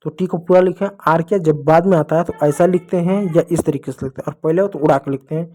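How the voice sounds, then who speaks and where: A man gives a classroom phonics lesson, and his voice sits a little high. He keeps quizzing his young pupils and answering himself, calling them his dear children. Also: steady tone, quick pace, mellow. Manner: asks questions then answers them, addresses "dear children". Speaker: English teacher.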